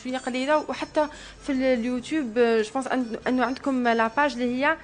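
A woman with an Algerian Arabic accent hosting a radio interview, asking brisk questions and mixing in French words. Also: sits high, steady tone. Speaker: radio host.

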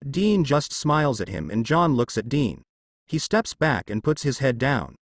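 Male fanfic narrator, animated storytelling read. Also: mid-range voice, measured pace, no echo, clean studio sound. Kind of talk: fanfiction reading.

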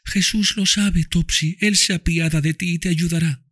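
Male reader as a frail, gentle little girl, high and soft, storybook reading. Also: steady tone, normal speed. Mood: tender.

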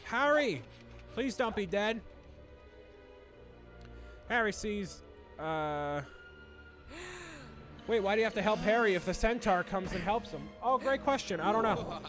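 A man's voice: high-pitched, moderate pace, pauses often, fairly bright tone. A man chatting casually on a live stream as he plays a video game, reading chat aloud and bantering with the characters on screen. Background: game music.

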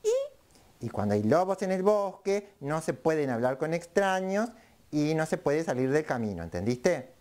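A woman voicing a fussy old grandmother in a children's puppet show, scolding and slow. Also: medium pitch, big pitch swings, a little mellow. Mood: warning.

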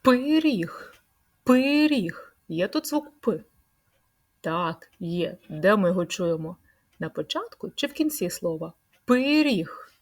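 A woman leading a speech-sound lesson for preschool children, stretching out words in a slow, sing-song way. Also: on the low side, very animated, breathy edge. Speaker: preschool teacher.

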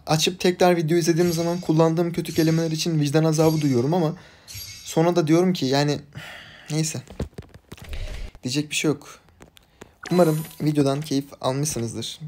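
A man giving live commentary on a mobile game, recorded on a phone, scolding his teammates and swinging between low muttering and loud yelling. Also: fairly even intonation, moderate pace, slight background noise. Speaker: gaming channel host.

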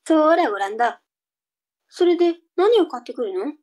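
Cheeky kid sister for comic reading drama, played by a woman: high, cute anime-girl voice, sulky edge. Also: big pitch swings, normal speed, darkish tone. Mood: cheerful.

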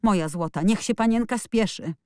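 Woman doing a frightened, hurried nurse. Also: mid-range voice, dark tone, clean tone, no room sound, studio quality, voice pushed up, natural voice. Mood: urging. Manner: hurried pleading.

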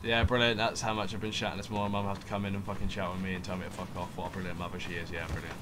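A teenage boy hosting profane gameplay commentary, swearing constantly and bursting into shouted rage. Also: low voice, level tone, rapid-fire. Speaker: gaming channel host. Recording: noisy game-audio capture.

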